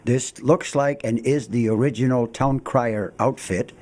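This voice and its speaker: Man, husky, medium pitch, jocular storytelling, rhetorical questions, interview talk. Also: steady tone, measured pace, darkish tone. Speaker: town crier guest. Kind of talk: radio interview, explanatory storytelling. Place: radio studio. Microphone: studio microphone.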